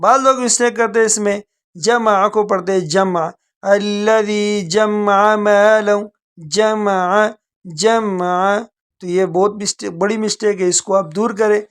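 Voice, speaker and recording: Male Quran teacher giving a tajweed lesson: brisk explanations, very slow drawn-out recitation. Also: sits high, steady tone, a bit bright. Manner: draws out recited words very slowly between brisk explanations.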